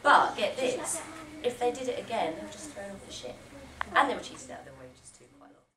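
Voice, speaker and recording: A woman's voice: medium pitch, big pitch swings, a little fast, over loud music. A woman, a children's author giving a playful library talk to schoolchildren, quizzing and praising them as she goes. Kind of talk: lively talk to a room of schoolchildren. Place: library event room. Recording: echoey, distant and noisy room recording.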